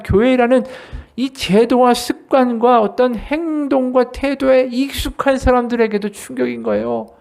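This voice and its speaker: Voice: mid-range voice, creaky, darkish tone. An associate pastor preaching a sermon at a church service, talking straight to the congregation and asking them rhetorical questions.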